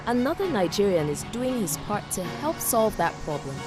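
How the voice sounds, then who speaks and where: News feature narrator: female, mid-pitched, animated intonation, scripted read with music bed. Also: normal speed. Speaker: narrator, reporter.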